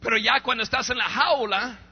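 Preacher guy telling a sermon story, really high husky voice, echoey hall sound. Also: brisk. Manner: animated, acts out voices, stammers when excited. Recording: reverberant hall, dull lo-fi sound.

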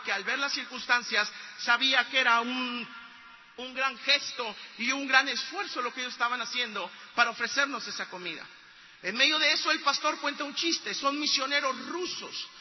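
A man's voice: very high voice, in a large hall, muffled recording. A man preaching a sermon, telling a story earnestly and pressing his points to the congregation. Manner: earnest storytelling that builds to loud exhortation.

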